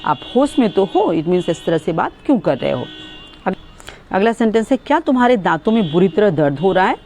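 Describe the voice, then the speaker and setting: A woman teaching English sentences in Hindi, explaining with fillers and saying each English sentence very slowly and clearly. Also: medium pitch, very animated, a little mellow, slight background noise.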